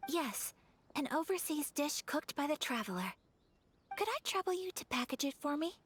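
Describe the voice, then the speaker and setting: A woman's voice: sits high, very animated, normal speed, slight background noise. A woman voicing a refined, earnest young noblewoman in a game, speaking in a formal and polite way. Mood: gracious. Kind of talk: game character dialogue. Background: game music.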